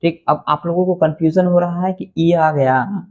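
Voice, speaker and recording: A man with a Hindi accent and Hindi as his first language, teaching beginners English phonics, spelling letters out slowly and repeating each answer. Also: a little high, darkish tone, highs cut off.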